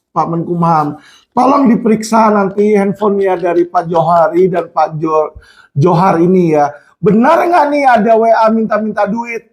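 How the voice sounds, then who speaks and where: A man speaking out to viewers in an impassioned monologue, emphatic, often addressing them as friends and acting out the people he quotes. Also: sits high. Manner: emphatic, repeats "teman-teman" and "ya", acts out quoted people in raised shouts.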